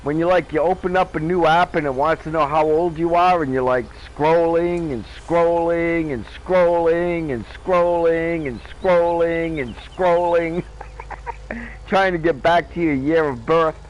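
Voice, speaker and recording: A man in his fifties chats loosely with his viewers as he plays, his voice sitting a little high for a man. He rambles from one thought to the next, cracking jokes and laughing at himself. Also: measured pace, muffled recording. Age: 50s. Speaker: gaming streamer. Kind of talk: casual chat with viewers while playing.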